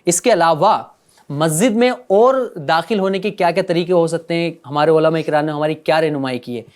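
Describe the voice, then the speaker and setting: A man teaching a religious lesson to children, gently coaxing them with repeated questions. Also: a little high.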